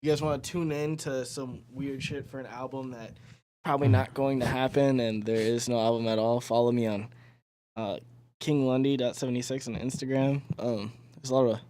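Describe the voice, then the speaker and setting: A man's voice: mid-range voice, steady tone, moderate pace, mellow, no echo. A man co-hosting a podcast who teases his friend and hesitates a lot, with casual swearing. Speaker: podcast co-host. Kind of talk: casual chat.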